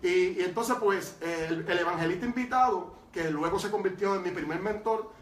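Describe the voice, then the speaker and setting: A man telling his testimony as a preacher, lively and emphatic, with frequent fillers. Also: high-pitched, moderate pace. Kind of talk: storytelling testimony. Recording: roomy sound from far off.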